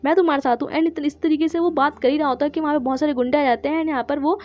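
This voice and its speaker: A woman's voice: high voice, steady tone, fast talker. Woman racing through a drama recap, chatty, quotes the characters' lines in between, dull lo-fi sound. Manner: chatty, briefly quotes the characters' lines, lots of filler words. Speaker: channel host retelling a drama. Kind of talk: casual plot retelling.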